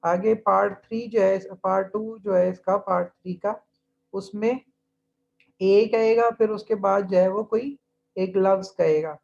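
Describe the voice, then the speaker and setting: A male teacher speaks slowly and patiently through a lesson, repeating drill phrases before he explains them. His voice has a gravelly, fry-edged texture. The recording is dull and lo-fi, like online class audio. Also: high-pitched, fairly even intonation, a little mellow. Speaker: Chinese language teacher. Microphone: computer mic in an online class.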